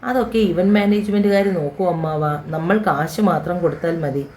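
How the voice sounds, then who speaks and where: A man's voice: on the high side, a little fast, darkish tone, a little hiss or hum, lightly acted. A woman voicing an easygoing young nephew who explains family matters plainly. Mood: explaining.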